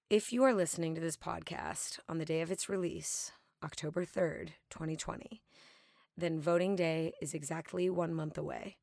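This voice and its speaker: A woman's voice: on the low side, darkish tone, no echo, studio quality. A woman hosting a podcast, talking casually and upbeat with a tired voice. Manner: chatty, self-deprecating, upbeat. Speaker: podcast host.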